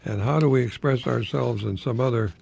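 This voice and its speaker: Speaking at a fairly quick clip, a retired professor turned radio host chats informally on air, reciting verse and posing rhetorical questions like a lecturer. He's an older American man with a mid-range, creaky voice and a darkish tone, and there's slight background noise.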